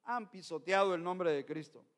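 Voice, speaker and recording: A middle-aged pastor delivers an emphatic Sunday sermon in a high-pitched voice. He keeps turning to the congregation as his brothers. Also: normal speed.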